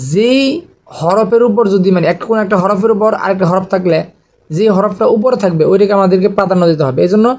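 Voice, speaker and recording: Man, high-pitched, patient letter-by-letter spelling drill, Quran reading class. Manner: slow, patient letter-by-letter drilling with short grammar asides. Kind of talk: spelling out Arabic letters and vowel marks in a class.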